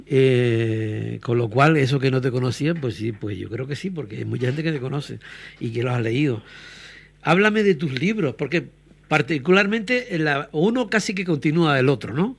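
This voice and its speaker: A man's voice: medium pitch, animated, normal speed, creaky, slightly rough. A man hosting a radio interview, asking chatty questions full of fillers. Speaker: radio host. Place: radio studio.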